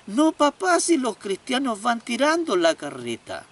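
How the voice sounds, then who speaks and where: A man's voice: very high voice, huge pitch swings, measured pace, a bit bright, far from the mic, pitched above the performer's own voice, full character voice. A man doing an eager little boy. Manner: eager, insistent questioning. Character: curious excited little boy of five.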